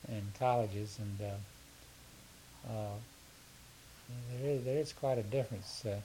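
Taking it slowly in a voice on the low side, an older Southern American man answers interview questions casually as an education consultant. He hesitates, rambles, and repeats words often, and the rough recording has a faint steady hiss.

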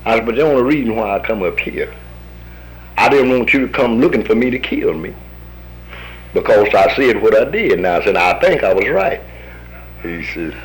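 This American man in his fifties, an army veteran, shares his story in a folksy way and imitates the people he quotes. His voice sits on the low side, and the poor audio carries a little hiss or hum.

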